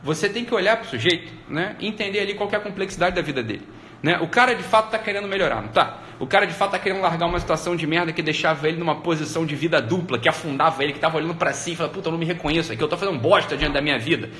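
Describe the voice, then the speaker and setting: A man's voice: a little high, racing, sharp tone, slight background noise. A man hosting a live stream, talking casually and rambling, with frequent "né" and restarts. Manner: rambling, heavy use of "né" and restarts. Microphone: computer or phone mic on a live stream.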